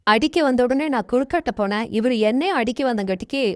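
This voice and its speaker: A woman's voice: on the high side, fast, no echo, clean studio sound, close to an everyday voice. A woman voicing an outspoken woman neighbor in an amateur doll serial, who reasons and pleads earnestly. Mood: pleading. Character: outspoken woman neighbor, apologetic then indignant.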